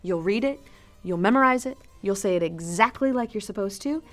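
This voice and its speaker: A woman playing an exasperated show director who breaks in briskly and firmly to correct the host. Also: mid-range voice, lively intonation, a bit bright, faint music behind, lightly acted. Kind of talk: comedy skit acting.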